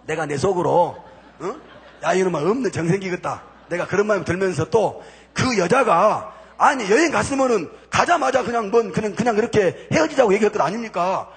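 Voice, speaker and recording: A man's voice: high-pitched, animated, brisk, breathy edge. A man giving a spoken testimony from a church pulpit, telling his story emphatically with punchy repeated intensifiers. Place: church sanctuary before a congregation.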